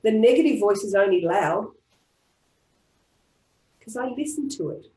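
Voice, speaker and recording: A woman with an Australian accent leading a live online group tapping class, speaking in calm, repeated affirmation-style phrases. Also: medium pitch, a little slow. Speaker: EFT tapping practitioner. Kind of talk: guided group tapping session. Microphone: online video call. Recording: roomy echo.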